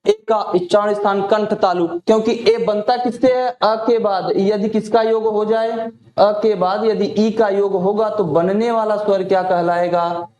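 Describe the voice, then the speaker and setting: High-voiced man teaching exam prep. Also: fairly even intonation, unhurried, a little mellow, highs cut off. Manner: asks a question, then answers it himself. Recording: echoey room.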